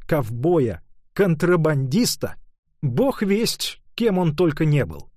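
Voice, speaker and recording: A man voicing a proper middle-aged mother who lectures her daughter in a measured, disapproving way. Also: fairly high pitch, a little mellow, no echo, studio quality, pitched above the performer's own voice.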